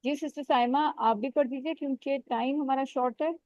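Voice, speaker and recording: A woman teaching Quran recitation rules in an online class, patiently correcting students and modelling sounds slowly. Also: sits high, fairly even intonation, dry recording, lo-fi sound.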